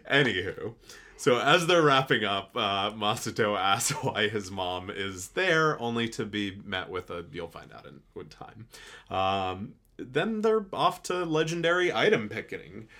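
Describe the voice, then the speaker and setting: Podcast co-host, male, low-pitched, easygoing snark, casual recap. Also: big pitch swings, unhurried, bright, forceful tone. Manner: laid-back, frequent "um" and "like", snarky asides.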